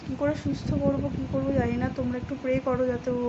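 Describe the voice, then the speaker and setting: Worried young mother, high quick voice. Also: flat delivery, highs cut off, heavy background noise. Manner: worried, pleading with a sick child. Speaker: mother and vlogger. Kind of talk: emotional vlog talk.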